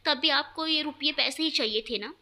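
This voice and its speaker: A woman's voice: high-pitched, fairly quick. A woman doing a hurt, defiant young bride. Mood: reproachful. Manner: sharp, reproachful.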